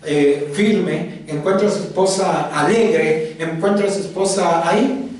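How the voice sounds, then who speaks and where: High-voiced preacher in echoing hall. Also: male voice, unhurried, a little mellow. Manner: repetitive, dramatic storytelling with chanted repeats. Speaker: pastor. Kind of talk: storytelling sermon. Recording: very echoey hall, distant mic.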